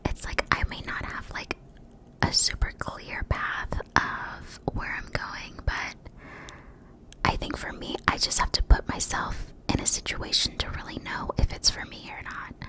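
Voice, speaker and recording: A young American woman gives a rambling ASMR talk in a breathy whisper close to the mic, sometimes slowly repeating words. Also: poor audio. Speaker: ASMR creator. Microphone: close mic for cupped whispering.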